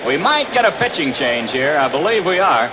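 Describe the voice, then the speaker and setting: Calling a live baseball game at an outdoor ballpark, an American man sounds very animated, his voice a little high and his speed normal. The 1960s radio broadcast is noisy, with loud ambient ballpark noise.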